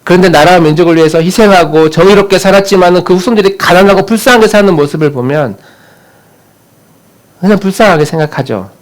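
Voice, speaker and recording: A man's voice: sits high, fast talker. A man preaching a sermon as pastor in a church, talking conversationally and putting questions straight to the congregation.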